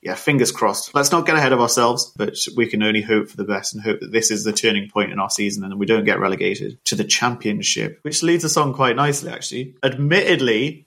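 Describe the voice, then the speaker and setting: A man's voice: mid-range voice, a bit bright. A man hosting a casual football podcast, agreeing along and introducing the next segment.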